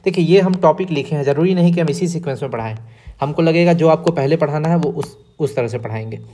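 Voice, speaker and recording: A man teaching an exam-prep lesson, explaining step by step and often pausing to check in with his students. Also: a little high, warm tone, slight background noise.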